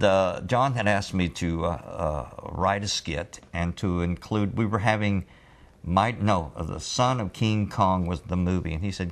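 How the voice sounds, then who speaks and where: Older man with a deep, gravelly voice. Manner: rambling, with frequent filler pauses. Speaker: former TV audio engineer. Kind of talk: oral-history storytelling.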